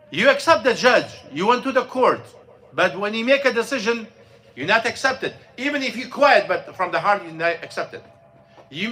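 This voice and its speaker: A man, an imam teaching a class, gives an informal lesson on scripture at a mosque. He halts and searches for words, using non-native English grammar and frequent fillers, and his voice sits high with a bright, forceful tone.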